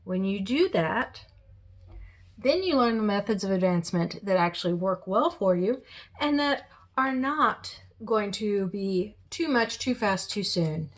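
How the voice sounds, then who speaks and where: A woman's voice: medium pitch, animated, measured pace. A woman giving a spoken tarot reading with firm, direct advice. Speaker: tarot reader.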